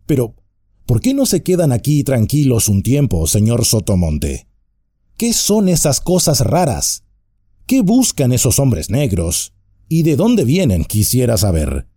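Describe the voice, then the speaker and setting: A man's voice: mid-range voice, wildly swooping pitch, unhurried, dark tone, slightly rough, dry recording, clean studio sound, voice pushed up, heavily acted. A man voicing a nervous, fussy, stout male innkeeper who talks anxiously and at length. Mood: flustered. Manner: flustered, anxious, talkative.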